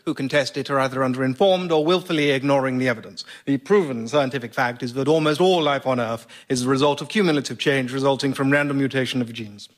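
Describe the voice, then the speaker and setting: A man's voice: medium pitch, fast talker, hardly any pauses, lightly acted. A man playing an older science professor, earnest and lecturing.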